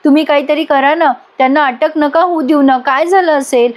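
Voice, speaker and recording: A woman's voice: high-pitched, fairly even intonation, fairly quick, close to an everyday voice. A woman voicing a young woman doctor pleading for her father in a story recap.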